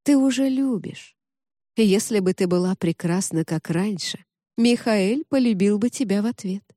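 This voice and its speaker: A woman's voice: normal speed, mellow, no room sound, clean studio sound, natural voice. A woman voicing a cruel, manipulative female phantom in an audiobook, coaxing in an insidious tone. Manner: insidious, coaxing whispers turning shrill. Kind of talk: audiobook character reading.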